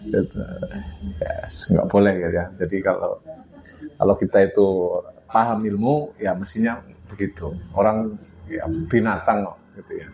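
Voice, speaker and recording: A man's voice: fairly low pitch, steady tone, moderate pace, darkish tone. A man with a Javanese accent giving a casual religious lesson to a study group, often chuckling and acting out everyday dialogue. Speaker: religious teacher. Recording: dull lo-fi recording with faint hiss.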